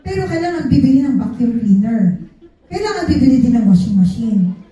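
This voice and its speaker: A woman's voice: a little high, big pitch swings, a little fast, dark tone. A Filipino woman preaching a humorous Taglish sermon, playful and sing-song with laughing asides. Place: church hall. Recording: echoey hall, speaker far from mic.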